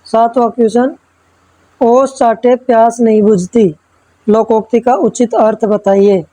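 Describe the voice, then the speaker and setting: A woman's voice: fairly high pitch, steady tone, a little slow, mellow, no echo, poor audio. A woman teacher going through exam practice questions. She reads each question, then explains the answer step by step and keeps checking in with the listener. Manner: checks in with frequent tag questions. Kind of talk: exam-prep lesson.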